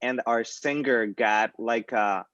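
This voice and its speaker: A man from Colombia, a band member, talking in a relaxed, rambling way during a casual interview. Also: medium pitch, slow, dry recording, lo-fi sound. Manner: relaxed, rambling, laughs easily.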